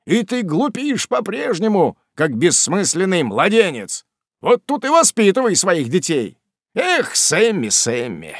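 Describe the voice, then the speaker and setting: A man voicing old Mr Weller, an elderly father who scolds and laments over his son in a loud, slow, emphatic way. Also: high-pitched, huge pitch swings, dry recording, studio quality, voice pushed up, exaggerated voice. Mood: reproachful.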